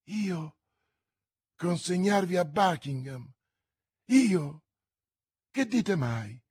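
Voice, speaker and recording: A man's voice: high-pitched, expressive, drawn-out words, a little mellow, slightly rough, dry recording, voice pushed up, exaggerated voice. A man reading aloud, voicing a torn, zealous young puritan officer with a feverish, exalted delivery. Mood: shocked.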